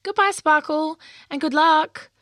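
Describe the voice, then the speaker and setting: A woman voicing a peaceful, gentle female unicorn in a storybook, speaking calmly and kindly. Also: mid-range voice, unhurried, dry recording. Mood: warm farewell.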